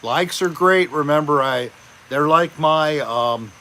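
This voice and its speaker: Slow-talking chatty male livestream host. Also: a little high, slight background noise, poor audio. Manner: relaxed, chatty, greets viewers by name. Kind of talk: casual live chat.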